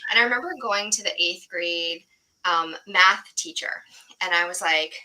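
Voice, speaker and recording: A woman guest on a podcast, telling a story in an animated way with lots of fillers and quoted dialogue. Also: lowish voice, normal speed, poor audio. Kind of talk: storytelling in conversation.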